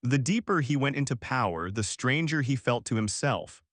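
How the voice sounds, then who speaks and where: A man reading a scripted documentary narration in a measured, dramatic storytelling manner. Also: mid-range voice, expressive, fairly bright tone, no echo, studio quality.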